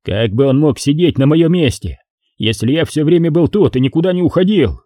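A man voicing a shaken male submarine pilot who speaks in a forced, soothing calm in an audiobook. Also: on the high side, brisk, no room sound, clean studio sound, pitched above the performer's own voice.

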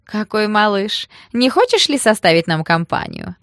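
A woman voicing a brash, leering young male street thug with a slow mocking drawl. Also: medium pitch, very animated, a bit bright, no echo, studio quality, voice pushed up.

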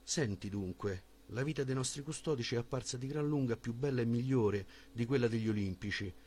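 A man reading a philosophical dialogue as an audiobook in a measured, formal voice with a husky tone. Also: mid-range voice, a little mellow. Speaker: audiobook reader.

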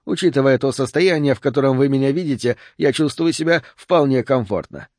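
A man voicing a calm, refined male agent with a Southern US accent, speaking courteously and with irony. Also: medium pitch, brisk, dry recording, studio quality, natural voice. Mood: urbane. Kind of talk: audiobook character voice.

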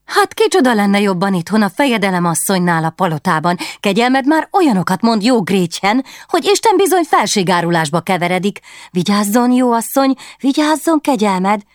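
A woman's voice: mid-range voice, sing-song, no echo, clean studio sound, voice pushed up, lightly acted. A woman voicing a fussy, prim lady-in-waiting who scolds and warns. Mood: scolding. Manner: prim, reproachful.

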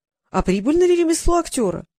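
A fawning middle-aged merchant out of a fantasy storybook, voiced by a woman. He flatters in a sweet, sugary tone, eager and ingratiating. The reading is dry and close. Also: extremely high pitch, fast, no echo, voice pushed up.

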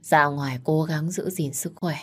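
A woman's voice: low-pitched, fairly even intonation, normal speed, slightly rough. A woman voicing a tired, grieving older mother who speaks firmly to her daughters. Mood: weary, firm. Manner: tired, firm, motherly scolding. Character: weary grieving widowed village mother.

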